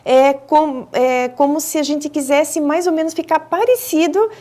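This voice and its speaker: A guest expert on a studio talk show, this speech therapist and professor has a Brazilian Portuguese accent and a slightly high, warm voice, speaking unhurriedly. Her explanatory interview answers are didactic, regularly broken by hesitant fillers and restarted phrases, all recorded in a television studio.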